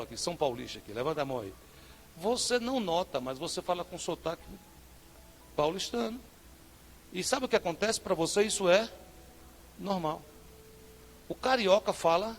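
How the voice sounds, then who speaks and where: High-voiced Northeastern Brazilian pastor preaching. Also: male voice. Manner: impassioned preaching, rhetorical questions, sudden loud bursts. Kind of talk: sermon. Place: church service.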